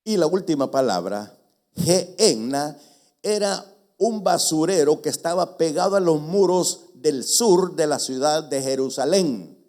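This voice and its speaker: An older man from El Salvador preaching in church with a mellow, warm tone. He teaches patiently, spells out words letter by letter and teases the congregation. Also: a little high, expressive, measured pace. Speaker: pastor. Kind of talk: sermon.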